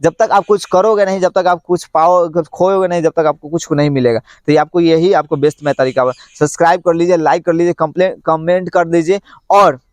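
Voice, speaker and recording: A man teaches English pronunciation. He drills tongue twisters slowly, over and over, then coaches in a casual, chatty way. His voice sits high, and the recording is dry and close. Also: fairly even intonation, darkish tone, no echo. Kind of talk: pronunciation lesson.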